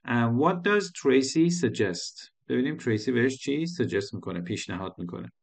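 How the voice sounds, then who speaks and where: A man's voice: mid-range voice, expressive, creaky. A male English teacher explaining a lesson patiently, repeating phrases and switching between languages.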